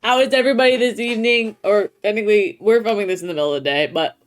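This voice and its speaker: A woman's voice: medium pitch, racing, a little hiss or hum. A woman co-hosting a casual chat show, explaining things informally as she thinks aloud. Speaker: podcast co-host.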